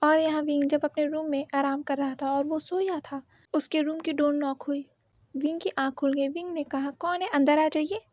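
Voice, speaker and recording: Lady reading out a fanfic story, super high voice, dry close sound. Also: flat delivery, moderate pace, darkish tone, dry recording. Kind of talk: fan fiction story narration.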